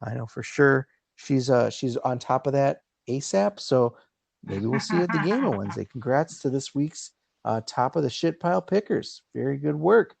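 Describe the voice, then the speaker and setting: A man's voice: mid-range voice, animated, normal speed, gravelly, darkish tone, slightly rough, no echo. A man hosting a casual soccer podcast, reading out results and introducing a guest in a loose, jokey way. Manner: loose, jokey, a bit crude. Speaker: podcast host.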